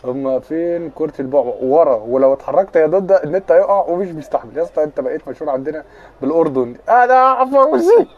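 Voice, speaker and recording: A man's voice: a little high, racing, dull audio. A young man with an Egyptian accent chatting on a casual live stream, answering viewer comments in a joking, teasing way. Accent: Egyptian Arabic.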